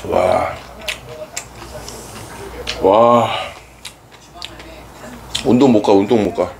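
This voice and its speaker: A man's voice: lowish voice, very slow, creaky, background noise. A man vlogging a meal, chewing while talking and gushing over the food. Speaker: mukbang vlogger. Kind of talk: casual eating commentary. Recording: clattering dishes and cutlery behind.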